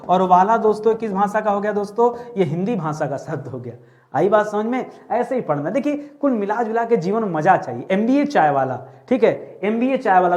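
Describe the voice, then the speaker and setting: A man teaching a Hindi grammar class online, lively and joking, drilling words by repetition. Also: sits high.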